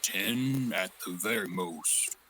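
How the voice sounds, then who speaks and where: Low-voiced guy player, bright tone, dry jokes. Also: takes it slowly, a little hiss or hum.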